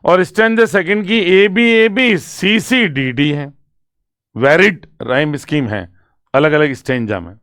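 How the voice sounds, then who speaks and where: A male literature teacher who explains a poem's structure in Hindi. He reads the lines slowly and with stress, then breaks them down for exam students and keeps asking whether they follow. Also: sits high, fairly bright tone, clean tone, dry recording, studio quality. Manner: asks students check questions, writes on a board. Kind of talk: exam-prep poetry lecture mixing Hindi and English.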